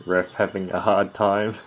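A man giving casual, laid-back reaction commentary on a Muay Thai fight in sparse remarks and short interjections, over background noise. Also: deep voice. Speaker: fight commentary video creator.

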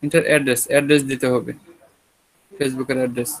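Brisk Bangladeshi man teaching web class. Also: mid-range voice, level tone, low-quality recording. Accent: Bangladeshi Bengali. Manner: casual, talks students through screen steps with checking questions. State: sore throat. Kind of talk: online class lecture.

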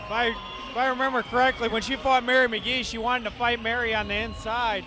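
A man's voice: very high voice, level tone, a little fast, music in the background. A man giving casual live boxing commentary from ringside in a sports hall. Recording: live camera audio with clear crowd noise.

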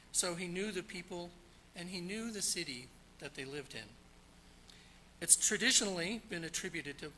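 Man, preacher, sermon, very bright voice, faint room noise. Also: fairly high pitch, low-quality recording. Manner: jokey, storytelling, then explanatory. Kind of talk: sermon with jokes. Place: church sanctuary.

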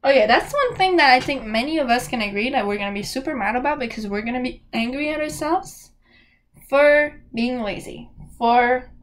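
A young woman speaks straight to her viewers in a casual motivational vlog. Her voice sits high, and she is candid and emphatic, often pausing to check in with her audience. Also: expressive, a little hiss or hum. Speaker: self-help vlogger. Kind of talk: casual motivational talk to camera.

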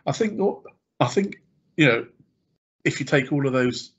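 A man's voice: mid-range voice, animated, normal speed, fairly bright tone, breathy edge, muffled recording. A man hosting a casual podcast chat, talking hesitantly with many fillers and repeated words.

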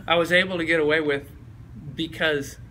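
A former football player in his forties, swaps stories in a relaxed chat. His voice sits a little high and rings bright, and he keeps breaking into laughter and high-pitched impressions. A faint hum of ambience sits under the recording. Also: moderate pace, rough recording. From East Tennessee. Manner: laughing anecdotes, bursts into high mimicking of his coach. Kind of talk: casual storytelling interview.

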